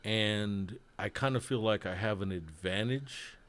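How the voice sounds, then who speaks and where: A man's voice: on the low side, measured pace, a crowd in the background. A man co-hosting a casual chat about board games, joking and laughing often, trailing off mid-thought. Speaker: co-host, board game designer.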